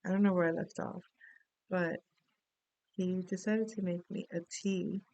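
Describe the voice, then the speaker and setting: A woman's voice: lowish voice, fairly even intonation, measured pace, a little mellow, smooth, dry recording, poor audio. A middle-aged woman from the Dominican Republic, giving a casual spoken astrology reading and rambling through a story with many asides. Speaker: astrology and tarot reader.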